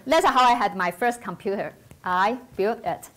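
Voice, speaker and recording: A woman's voice: mid-range voice, moderate pace, very noisy. A woman from Taiwan in her forties with a Taiwanese accent, giving a careful, earnest prepared talk as a nursing professor on an auditorium stage.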